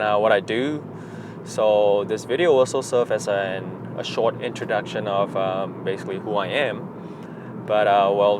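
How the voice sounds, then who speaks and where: A Singaporean vlogger in his 30s chats unscripted from his moving car, rambling with lots of fillers and restarts. His voice is lowish, the background is noisy, and the sound comes from an action camera mounted in the car.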